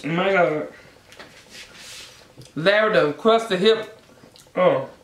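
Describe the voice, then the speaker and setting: A vlogger chatting casually and bluntly to viewers between bites of food, telling things in an animated way. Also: mid-range voice, drawn-out words. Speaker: mukbang vlogger. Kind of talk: casual chatty mukbang vlog while eating. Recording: echoey room.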